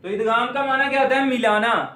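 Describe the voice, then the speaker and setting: High-voiced man teaching Quran recitation. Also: steady tone, a little fast, sharp tone, echoey room. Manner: asks and answers his own questions, stretches words to demonstrate. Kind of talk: step-by-step recitation lesson.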